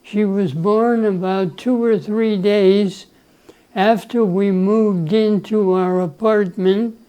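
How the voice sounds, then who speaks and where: A man in his nineties, originally from El Salvador and raised speaking Spanish, tells his life story very slowly. His voice is soft and mellow. He chuckles now and then and often clears his throat. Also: high-pitched, poor audio. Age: 90s. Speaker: grandfather being interviewed. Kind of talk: relaxed life-story interview.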